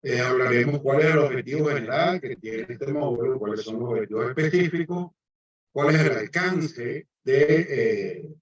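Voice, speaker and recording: A civil engineer with a Venezuelan Spanish accent delivers an online engineering lecture as a guest, hesitating often and filling in with restarts and fillers. His voice is medium in pitch at a normal pace, picked up by a distant, muffled, echoey mic.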